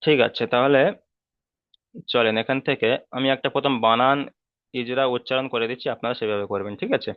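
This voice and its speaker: A man's voice: mid-range voice, steady tone, a little fast, clear, resonant tone, no echo, highs cut off. A man teaching a Quran reading class online, with a Bengali accent, patiently repeating rules and checking that students follow.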